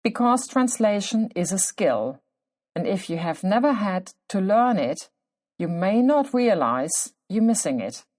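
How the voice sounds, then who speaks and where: A middle-aged woman, a native German speaker with a German accent who works as a clinician, hosts her own podcast. She reads from a script in a middle pitch that is sing-song and slightly mellow, moving at a measured, deliberate pace and pausing for emphasis.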